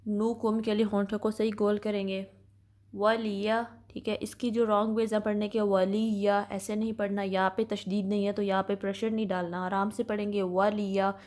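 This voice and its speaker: A woman's voice: mid-range voice, a little mellow. A woman teaching a tajweed class, explaining pronunciation patiently and methodically and checking in often with her students. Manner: patient, methodical explaining with slow drawn-out demonstrations; frequent reassuring check-ins. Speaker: Quran recitation teacher. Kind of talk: tajweed lesson.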